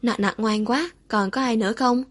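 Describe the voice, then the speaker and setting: A woman's voice: a little high, normal speed, close to an everyday voice. A woman voicing a cruel, curious young woman interrogator who coaxes in a falsely motherly way while staying cold underneath. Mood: coaxing.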